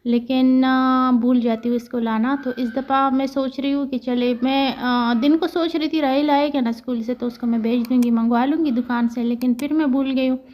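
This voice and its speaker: A woman in her thirties with a Pakistani Urdu accent talks her way through housework for her family vlog. She rambles along with plenty of fillers, in a high voice. The recording is dull and lo-fi. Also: fairly even intonation, normal speed, hardly any pauses, a little hiss or hum. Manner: chatty, rambling, many fillers. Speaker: family vlogger. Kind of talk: casual narration over household chores.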